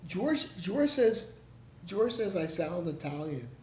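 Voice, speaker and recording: Speaking slowly in a high-pitched voice full of wide pitch swings, this male livestream host responds to viewer comments in a loose, profane, rambling style with frequent restarts. Faint background noise carries through an echoey room.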